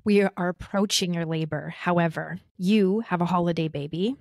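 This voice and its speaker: A woman's voice: lowish voice, moderate pace, dry recording, studio quality. A woman hosting a casual interview, giving short agreeing replies and prompting her guest with questions. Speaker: podcast host.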